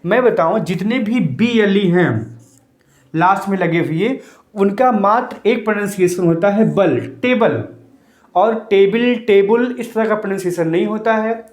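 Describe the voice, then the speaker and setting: A man explaining English pronunciation in a measured way, mixing Hindi and English. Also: sits high. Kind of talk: explaining lesson to camera. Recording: echoey room.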